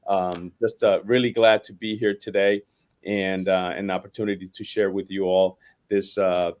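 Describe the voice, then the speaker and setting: A man in his forties from Puerto Rico, a pastor, introducing himself in a halting way with many fillers and restarts. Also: fairly low pitch, darkish tone. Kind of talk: casual guest introduction.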